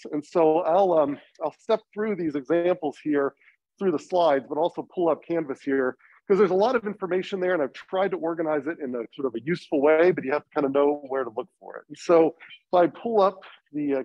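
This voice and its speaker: Male university lecturer, higher-pitched, speaking through a face mask with a cold; informal, halting delivery, slightly muffled sound. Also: dry recording. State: getting over a cold. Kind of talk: informal lecture introducing a course. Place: lecture classroom. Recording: slightly dull, muffled classroom recording.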